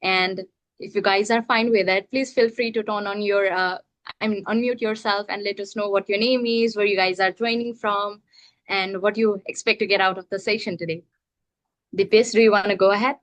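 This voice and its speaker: A woman's voice: mid-range voice, fairly even intonation, moderate pace, no echo. A woman hosting an online speaker series over a video call, friendly and encouraging the audience to join in. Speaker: event host.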